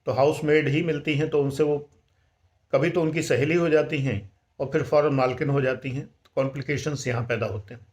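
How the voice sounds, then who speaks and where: An older man giving calm, measured life-management advice and mixing in English words. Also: on the high side.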